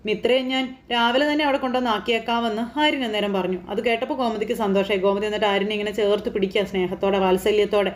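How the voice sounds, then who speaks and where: A woman's voice: medium pitch, fairly even intonation, very fast, few pauses, a little hiss or hum. A woman retelling a TV serial episode in a chatty, casual storytelling way, addressing her listeners directly. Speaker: TV serial recap narrator.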